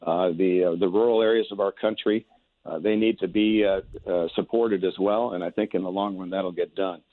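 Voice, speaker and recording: A man's voice: sits low, steady tone, normal speed, no echo. An American man giving political interview answers as a candidate over a phone line, in folksy stump-speech phrasing with hesitant repeats. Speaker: political candidate, radio guest. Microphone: telephone. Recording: narrow tinny phone line.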